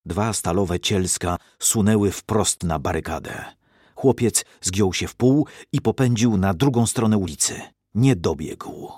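A man reading a story aloud in a dramatic, expressive narration. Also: fairly low pitch, unhurried, slightly rough, no echo, studio quality.

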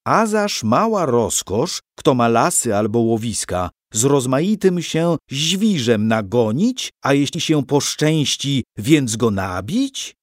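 A man's voice: mid-range voice, big pitch swings, no room sound, studio quality. Man doing a tipsy bragging nobleman. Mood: boastful. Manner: slow, drawling, rhetorical. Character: tipsy boastful nobleman holding forth.

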